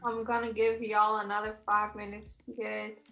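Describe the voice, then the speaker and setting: A young woman leading a casual group study chat, blunt and quick to swear, often baffled by the reading. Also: medium pitch, completely flat delivery, gravelly, highs cut off. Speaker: student leading a group discussion.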